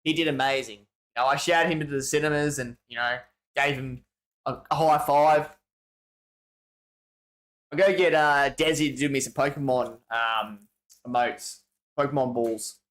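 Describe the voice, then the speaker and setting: This livestream host is an Australian man with a medium-pitched, somewhat bright voice and fairly even intonation, speaking at normal speed with frequent pauses. He reads out viewer messages in loose, slang-heavy chatter, restarting often.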